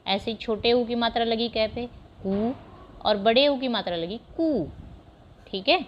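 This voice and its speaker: A woman's voice: on the high side, muffled recording, a little hiss or hum. Patient woman teaching Hindi phonics. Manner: patient, explains step by step and sounds words out slowly. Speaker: primary school teacher. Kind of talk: Hindi phonics lesson over slides.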